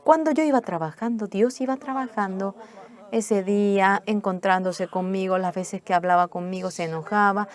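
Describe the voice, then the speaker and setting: A woman interpreting a pastor's sermon, telling a testimony in a measured storytelling way. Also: mid-range voice, a crowd in the background. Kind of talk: sermon testimony in Spanish voice-over.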